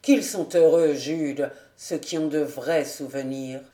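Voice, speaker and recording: A woman's voice: low voice, steady tone, takes it slowly, mellow, voice pushed down. A woman reading a dreamy young captain. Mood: wistful. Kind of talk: audiobook reading. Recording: roomy echo.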